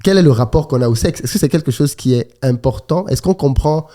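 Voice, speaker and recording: Host: middle-aged man from Cameroon, warm dark tone, chatty and laughing, casual panel talk. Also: medium pitch, expressive, fairly quick. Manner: chatty, laughs while telling stories.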